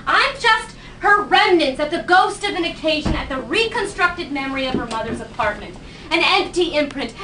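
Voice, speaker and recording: A woman playing a blunt, tipsy young woman who scolds and mocks with sharp sarcasm, acted live on stage. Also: very high-pitched, full character voice. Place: small theatre stage. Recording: distant echoey stage recording, faint noise.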